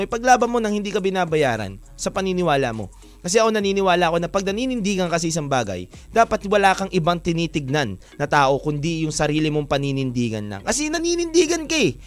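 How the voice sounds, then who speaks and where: A man hosting an online radio-style show, chatting and telling a story to his listeners in a lively, animated way. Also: high-pitched. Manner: animated, keeps calling listeners "mga kawan". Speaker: DJ host.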